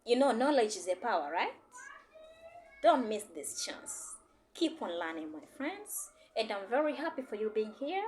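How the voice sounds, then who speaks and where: A sing-song, slightly high female voice with a darkish tone belongs to a Swahili and English teacher from Tanzania. Speaking at normal speed, she gives an encouraging online lesson, repeating herself frequently and mixing languages. A little hiss or hum can be heard.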